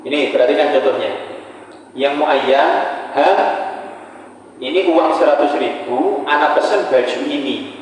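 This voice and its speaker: A man's voice: on the high side, a little slow, pauses often. A man teaching Islamic jurisprudence to a class, glossing Arabic phrases in Indonesian and often asking whether the students follow. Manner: explains Arabic text in Indonesian, checks understanding often. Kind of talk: classroom lecture. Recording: echoey hall, distant mic, faint noise.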